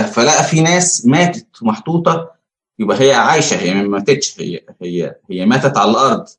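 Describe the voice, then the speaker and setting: A man with an Egyptian Arabic accent preaching a conversational sermon, asking rhetorical questions and pausing on fillers. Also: medium pitch. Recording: echoey room.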